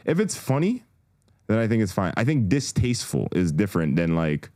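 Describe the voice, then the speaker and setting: A man's voice: fairly low pitch, very animated, moderate pace, a little mellow, dry recording, studio quality. A man in a casual podcast chat who thinks aloud and debates his points.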